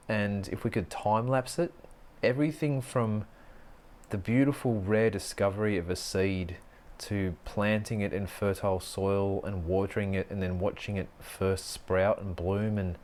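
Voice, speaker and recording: A middle-aged life coach hosts a reflective solo podcast, musing earnestly on personal growth with slow stretches and frequent pauses to restart his thoughts. His voice is lowish with a darkish tone.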